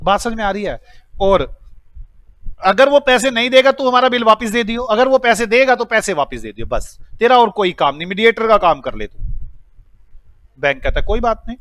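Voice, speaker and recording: A high-voiced male teacher who teaches through animated stories and acts out every character with raised, dramatic lines. The sound is close and dry, without room echo. He has the steady rhythm of a coaching-class lecture. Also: moderate pace, long pauses. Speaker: accountancy teacher. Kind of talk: lively classroom storytelling lecture.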